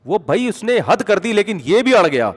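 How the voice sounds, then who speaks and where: Male preacher, lively and emphatic in delivery, slightly high voice, lingering hall echo. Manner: animated, conversational, rising to emphatic peaks. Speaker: Islamic preacher. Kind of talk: storytelling sermon.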